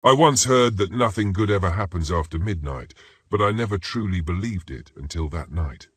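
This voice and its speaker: A man narrates first-person horror stories in a steady, ominous, scripted read. His voice is very deep with a husky edge. The recording is close and dry, with no room sound. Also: no room sound.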